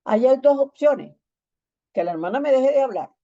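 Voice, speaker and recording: A woman's voice: sits high, animated, normal speed, dark tone, lo-fi sound. A woman pastor preaching a sermon, emphatic and repeating phrases for stress.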